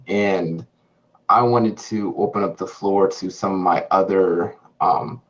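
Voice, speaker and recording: A man speaking at a council meeting as a community group's chair, measured and earnest with some fillers. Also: fairly low pitch. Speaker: coalition chair, public commenter. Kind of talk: public comment at council meeting. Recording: dull lo-fi remote audio.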